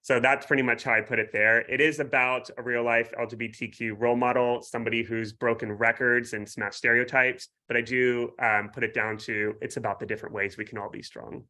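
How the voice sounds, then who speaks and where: A man with a bright, forward voice at a medium pitch talks casually as a guest author. He explains things in a friendly, enthusiastic manner. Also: level tone, a little fast, hardly any pauses. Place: home basement.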